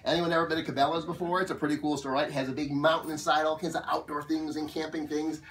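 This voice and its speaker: A woman's voice: low voice, little pitch movement, quick pace, a little hiss or hum. A woman performing as a children's party magician, with playful, jokey patter and questions for the audience. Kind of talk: kids' magic show patter. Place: live children's birthday party, mic at a distance. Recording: distant microphone in a live room.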